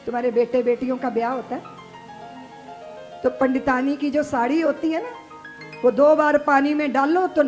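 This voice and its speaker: A woman narrating a devotional katha story in an animated, dramatic way, acting out the characters. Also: sits high. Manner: animated, dramatic, acts out voices.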